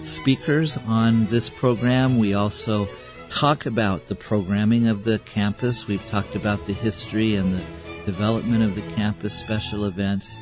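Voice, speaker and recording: A man, a priest, hosting a radio talk show in a measured, attentive way. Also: fairly low pitch, fairly even intonation, music in the background.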